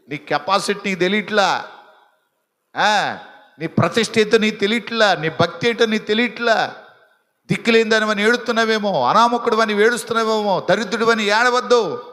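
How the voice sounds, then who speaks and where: A man's voice: sits high, sharp tone, long reverb tail. A male pastor preaching a sermon to a live congregation, teasing and repeating phrases as he builds intensity. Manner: preaching with rising intensity and repetition; teasing the congregation about sleeping. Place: church hall with live congregation.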